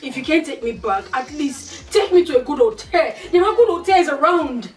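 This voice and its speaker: A fussy, complaining wife back from America, whining dramatically and repeating herself. Her very high voice swings widely in pitch. It is heard from a distance with a roomy echo. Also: lively intonation, normal speed, soft background music. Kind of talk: Nollywood film acting. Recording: echoey, from a distance.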